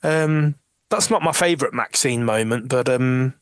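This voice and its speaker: A man co-hosting a podcast, retelling TV scenes in casual chat, animated, laughing often and restarting his sentences. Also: medium pitch, normal speed, clean tone, dry recording, studio quality. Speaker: podcast co-host.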